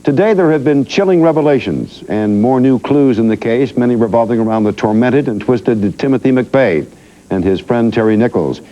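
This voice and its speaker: A man reading television news and then hosting a studio interview in a measured, formal manner. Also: medium pitch, animated, mellow. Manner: measured, formal newsreader delivery. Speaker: TV news anchor and talk show host. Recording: dull lo-fi 1990s TV audio.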